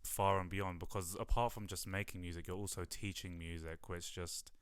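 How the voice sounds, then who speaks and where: Deep-voiced playful male interviewer. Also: level tone, normal speed, clear, resonant tone, no echo, clean studio sound. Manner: playful, teasing asides. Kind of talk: casual interview chat.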